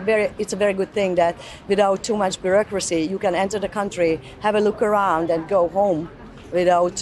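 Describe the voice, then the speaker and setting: A woman's voice: mid-range voice, darkish tone. A woman in her fifties answering a street interview outdoors, hesitant and full of fillers. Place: outdoors on a city square.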